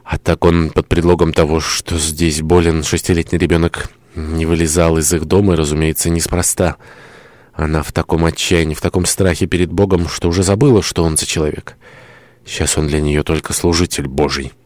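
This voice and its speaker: A man with a very deep, low voice narrates a novel in a measured, earnest way. The recording is dry and close, with no room sound at all. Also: steady tone, darkish tone, no echo. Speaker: audiobook narrator.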